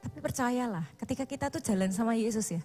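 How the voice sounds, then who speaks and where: A woman preacher with a bright, high voice gives a relaxed sermon in a chatty tone. She slips English phrases into her speech and acts out her own pleading prayers. Soft music plays faintly behind her. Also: fast. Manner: casual, mixes in English phrases.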